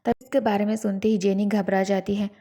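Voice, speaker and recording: Mellow-voiced woman narrating a story. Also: mid-range voice, fairly quick. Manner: lively dramatic storytelling.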